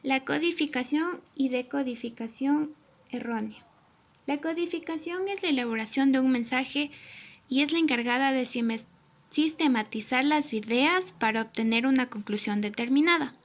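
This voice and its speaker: High-voiced young woman reading a lesson. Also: moderate pace. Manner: reads steadily from a script, spelling out examples. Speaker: student presenter. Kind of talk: read-aloud tutorial narration.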